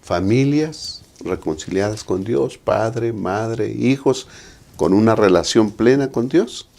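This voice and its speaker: This pastor, who has a Mexican Spanish accent, preaches his way through the Sabbath school lesson and keeps adding tag questions. He speaks slowly in a lowish, creaky voice with a darkish tone.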